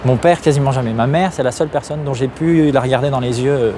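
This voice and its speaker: Answering interview questions openly, the Algerian activist talks quickly in a medium-pitched voice, often pausing on fillers and starting over. The background is noisy in this candid interview.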